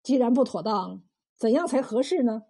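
A woman's voice: a little high, lively intonation, normal speed, warm tone. Woman voicing an earnest old sage. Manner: polite, earnest questioning. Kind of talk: storytelling role voice.

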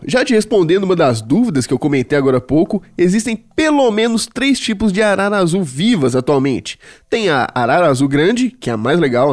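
A man's voice: fairly high pitch, a little mellow. A man with a Brazilian accent hosting a casual educational show, chatty and playful with slang. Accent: Brazilian Portuguese. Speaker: podcast host explaining animals.

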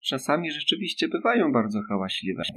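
A man's voice: on the high side, very animated, a little fast, pushed and bright, voice pushed up, exaggerated voice. A man voicing a worn-out, nervous mother who hesitates as she speaks. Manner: hesitant, faltering.

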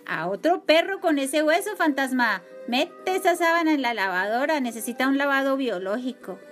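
A woman's voice: high voice, expressive, faint music behind, voice pushed up. A woman doing a cheeky little Bortian. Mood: mocking. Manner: teasing, quick, shouted. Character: small mocking Bortian child.

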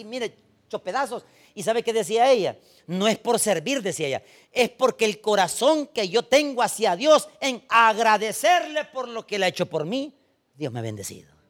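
A man preaching a sermon, telling stories and acting out the people in them, swinging from soft asides to loud points. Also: sits high. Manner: animated storytelling, acting out quoted voices, swings from soft to loud. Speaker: pastor.

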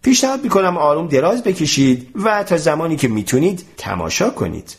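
A calm, learned professor in a storybook, explaining things patiently and gently, voiced by a male narrator. His voice sits a little high and moves in a lively, animated way. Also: gravelly.

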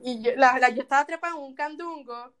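A lively woman with a Puerto Rican accent tells a story in a relaxed chat. Her voice sits a bit high, and she breaks into laughter often as she talks. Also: a little fast. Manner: animated, laughing often while telling a story.

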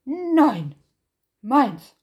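A woman voicing a big, stubborn male bear in a storybook, talking loud and emphatic. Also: high-pitched, a little slow, highs cut off, voice pushed up.

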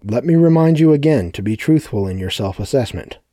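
Man doing a commanding menacing ringleader, loud, theatrical, husky, dry. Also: medium pitch, expressive, a little fast, dry recording, voice pushed up, close to an everyday voice.

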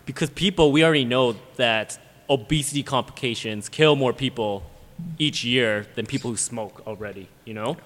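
A man's voice: medium pitch, normal speed, fairly bright tone. A man talking earnestly in a casual podcast chat. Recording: long reverb.

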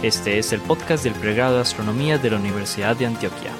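A man's voice: lowish voice, quick pace. Man narrating an intro over guitar. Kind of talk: scripted podcast intro narration. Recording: loud guitar music under voice.

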